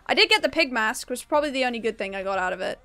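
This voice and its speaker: In a casual gaming live stream, a young woman chats with viewers in a cheerful way, laughing a lot. She talks rapid-fire in a slightly high, expressive, bright voice with a forceful yet clean tone, over faint music.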